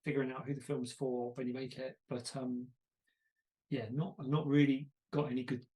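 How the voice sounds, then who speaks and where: A man's voice: medium pitch, flat delivery, moderate pace, warm tone. A man hosting a podcast, chatting casually and telling stories with self-deprecating asides. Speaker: podcast host. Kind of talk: casual conversation.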